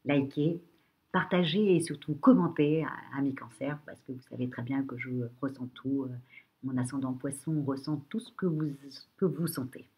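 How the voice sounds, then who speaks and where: A woman with a low-pitched voice speaks as an astrologer addressing her viewers. Her voice is broken and cracking, without much strength behind it. She delivers the horoscope informally, in halting but emphatic phrases that she often repeats. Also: darkish tone. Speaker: astrologer giving a monthly horoscope.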